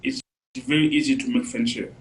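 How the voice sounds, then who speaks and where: A man's voice: mid-range voice, steady tone, brisk, crowd noise. A man from Mali, a student, giving a testimonial, repeating words now and then. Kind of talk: testimonial interview. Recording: distant mic.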